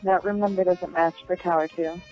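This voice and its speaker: A woman's voice: on the low side, steady tone, brisk, faint music behind. Curt woman heard over a speakerphone. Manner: curt and dismissive. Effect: heard over a phone on speakerphone. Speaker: escort taking a prank call. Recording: muffled speakerphone line.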